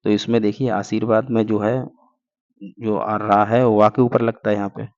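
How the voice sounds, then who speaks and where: A man's voice: on the low side, level tone, normal speed. A man teaching an exam-prep grammar lesson, explaining step by step and answering his own questions. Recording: dull lo-fi recording.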